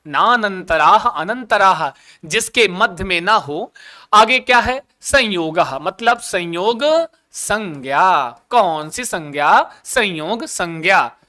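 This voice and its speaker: A male Sanskrit teacher with a high-pitched, sharp voice leads an online exam coaching lesson, playfully posing questions and then answering them himself. He slowly chants an opening prayer.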